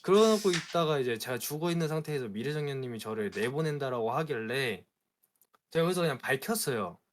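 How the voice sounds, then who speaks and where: A man, a streamer, telling a story in a casual chat, animated and aggrieved. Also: mid-range voice, fairly quick, a little hiss or hum. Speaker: streamer guest.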